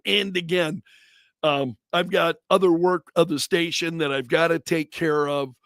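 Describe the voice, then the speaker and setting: A man with a fairly high voice hosts a relaxed livestream, chatting loosely to his viewers. He rambles, restarts his sentences and drifts into asides. The sound is close and dry, with no room around it. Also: unhurried, dry recording. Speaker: radio host and brand manager. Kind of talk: casual livestream chat.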